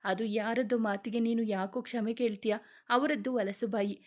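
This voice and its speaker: A woman's voice: fairly high pitch, fairly even intonation, normal speed, a little mellow, close to an everyday voice. A woman voicing a caring elder sister-in-law who soothes a younger man in a motherly way. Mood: tender, comforting.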